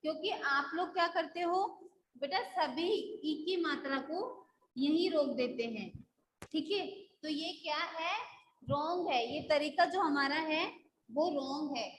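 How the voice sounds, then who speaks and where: Slow, patient high-voiced woman teacher. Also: fairly bright tone, echoey room, slight background noise, rough recording. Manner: patient, repeats and drills each syllable. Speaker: school teacher. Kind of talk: live online class.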